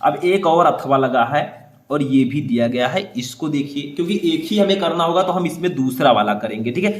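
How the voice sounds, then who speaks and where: A man teaching how to write board exam answers. He explains step by step, checks in often with short confirmations, and reads passages aloud slowly. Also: a little high, lively intonation, roomy sound. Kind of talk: board exam writing lesson.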